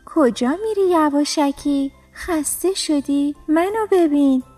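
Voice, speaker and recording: A woman's voice: high-pitched, darkish tone, long reverb tail, soft background music, pitched above the performer's own voice, natural voice. Woman playing a wistful little stick that wants to be a tree. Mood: coaxing. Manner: sweet, coaxing, wistful. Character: small stick that longs to be a tree.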